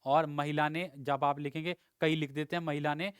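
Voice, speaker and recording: Male tutor, slightly high, crisp voice, dry close voice-over, patient and repetitive lesson delivery. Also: flat delivery, normal speed, dry recording. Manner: patient, repeats each word and checks with "theek hai". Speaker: exam prep teacher. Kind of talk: spelling lesson over slides.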